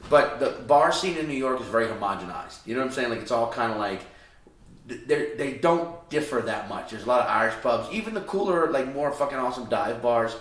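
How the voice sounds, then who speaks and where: Animated, swearing man in a roomy room. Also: medium pitch, brisk, recorded from a distance. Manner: animated, rambling, swears a lot. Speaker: guest comedian. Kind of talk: casual podcast chat. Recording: roomy echo.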